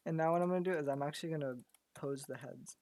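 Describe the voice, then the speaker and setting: A graphic artist talks casually as he creates digital art, thinking out loud and repeating words often. He's a fast talker with a fairly high, slightly mellow voice, and he's losing it, so his voice is going.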